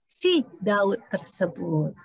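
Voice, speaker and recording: A woman teaching Sunday school over a video call, telling a Bible story to children in a lively way, acting out the characters and sound effects and asking the children questions. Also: medium pitch, drawn-out words, creaky. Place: online church service over video call.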